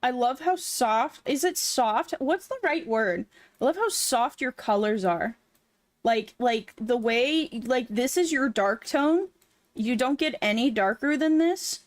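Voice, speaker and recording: A woman hosting a casual livestream, chatting in a cute, animated anime-streamer way with drawn-out words. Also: a little high, dry recording. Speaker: VTuber livestream host. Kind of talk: casual livestream chat while drawing.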